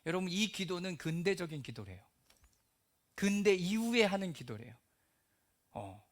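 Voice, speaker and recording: Animated, high-voiced male pastor preaching. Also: normal speed. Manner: animated, acting out quoted voices and dropping to near-whispers. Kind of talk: sermon. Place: church hall.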